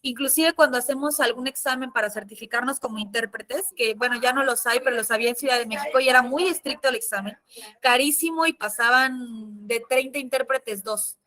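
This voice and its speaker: A Mexican woman, a sign language interpreter, teaching a casual class in an expressive, chatty way. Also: fairly high pitch, a little fast. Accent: Mexican Spanish. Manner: lively, expressive, chatty with fillers.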